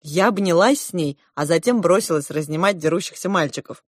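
A woman's voice: lowish voice, expressive, brisk, dry recording, clean studio sound. A woman narrating a children's story in the first person, expressively. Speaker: audiobook narrator.

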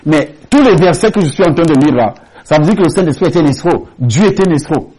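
Husky, high-voiced male pastor preaching. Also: animated, quick pace, dark tone, poor audio. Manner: storytelling, emphatic, repeats key phrases. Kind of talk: sermon with testimony. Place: large rented church hall.

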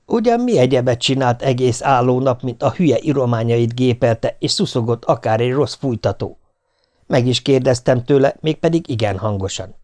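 A man's voice: mid-range voice, lively intonation, a little mellow. A man reading a humorous novel aloud as an audiobook, telling it in a wry, ironic way. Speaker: audiobook reader.

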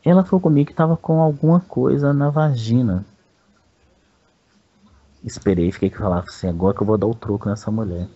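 A man's voice: medium pitch, steady tone, a little fast, long pauses, mellow, slightly rough, muffled recording. A Brazilian man telling a personal story in a rambling, crude way, with a lot of slang. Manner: rambling and crude, peppers speech with "velho". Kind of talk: casual storytelling.

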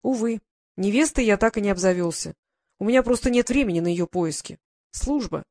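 This audiobook reader is a woman voicing a young guard sergeant who calmly and steadily reassures his mother. She speaks at medium pitch, a little fast, in something close to her everyday voice.

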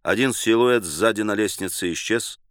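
A man reading a novel aloud as an audiobook, acting out the characters' lines with changes in pitch and loudness. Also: normal speed, no echo, clean studio sound. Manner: shifts pitch and loudness to act out characters' cries. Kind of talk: audiobook narration with acted dialogue.

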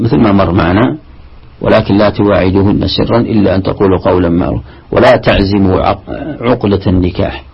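A man teaching a classical Arabic lesson on Quran commentary, halting and repeating himself as he explains. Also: deep voice, creaky, breathy edge, lo-fi sound.

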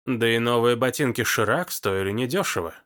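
A man's voice: medium pitch, animated, fairly quick, a bit bright. A man narrating an audiobook expressively. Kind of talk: audiobook reading of science fiction.

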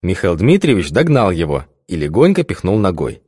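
A man narrating an audiobook in an expressive, varied reading. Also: low-pitched, normal speed, husky, no echo, studio quality. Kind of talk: scripted narration.

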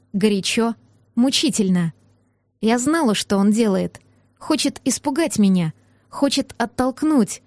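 Woman, audiobook narrator, fairly high voice, dry close recording, expressive reading. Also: dry recording. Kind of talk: first-person novel narration.

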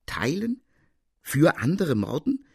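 A man's voice: fairly high pitch, expressive, fairly quick, darkish tone, slightly rough, no echo, clean studio sound, pitched above the performer's own voice. A man voicing an earnest noble lady who pleads in breathless, appalled outcries. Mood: pleading.

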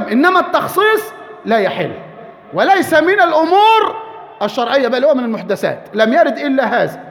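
A man with an Egyptian accent delivers a sermon in a very high, quick voice. He is emphatic, repeats his points and fires rhetorical questions at his listeners. A long reverb trails his voice as if he is in a large hall. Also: fairly bright tone. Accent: Egyptian Arabic. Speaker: preacher.

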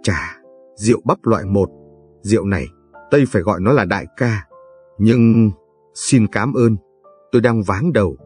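A man's voice: on the low side, normal speed, long pauses, a little mellow, husky, soft background music. A man doing a sly scheming official.

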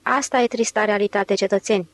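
A woman's voice: medium pitch, fairly even intonation, no room sound, natural voice. A woman narrator voicing a sententious man lecturing a crowd in an audiobook. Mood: pompous. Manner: pompous, sermonizing.

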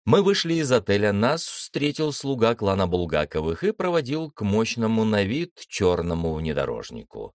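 A man reads a novel aloud in a deep, low register, his pitch rising and falling freely as he shifts tone for each character. The recording is dry and close to the mic, with no room sound. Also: huge pitch swings, normal speed, few pauses, no room sound. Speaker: audiobook narrator. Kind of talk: scripted audiobook narration.

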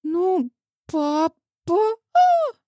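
A distraught teenage girl whose voice shoots up into a high, shrill squeal. She sounds tearful and on the edge of sobbing, in a close, dry audiobook recording. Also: animated, measured pace, no echo. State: crying. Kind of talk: audiobook character voice.

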